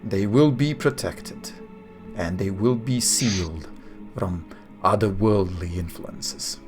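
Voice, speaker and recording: A man's voice: low-pitched, faint music behind, voice pushed down. A man playing a solemn ancient archangel. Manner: solemn, slow and formal. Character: grave ancient male archangel, wise and stern.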